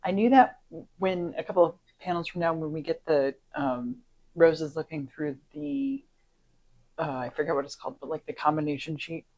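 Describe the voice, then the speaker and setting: Woman cohost chatting casually on a fan podcast, laughs a lot, slightly low voice. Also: normal speed, lo-fi sound. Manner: chatty, laughs often, deadpan repetitions. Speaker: podcast co-host. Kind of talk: casual commentary chat.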